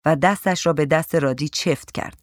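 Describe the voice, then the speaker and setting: A narrator reading a short story aloud in a calm, even literary manner. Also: mid-range voice, no echo, clean studio sound.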